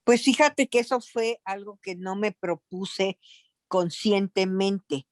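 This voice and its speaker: A woman artist on a panel, telling a personal story in a measured way. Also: medium pitch, dry recording. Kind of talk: panel discussion talk.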